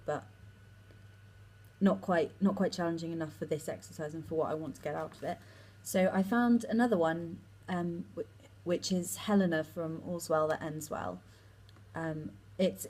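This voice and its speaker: A woman's voice: on the low side, a little mellow, rough recording. Chatty young drama student, a woman. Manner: chatty, with many ums and quick run-on sentences. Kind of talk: casual talk about her acting class work.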